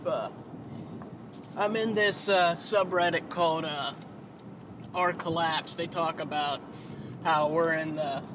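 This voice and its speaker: On his own casual podcast, the host talks in a fairly high, nasal, whiny voice, wandering off on tangents, mocking himself, and swearing liberally. Background noise runs through the clip.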